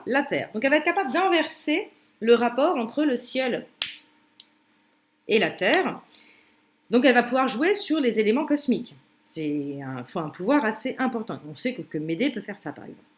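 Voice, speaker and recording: A woman's voice: fairly high pitch, very animated, moderate pace, slight background noise. A woman teaching a commented translation lesson, explaining step by step with many fillers and restarts.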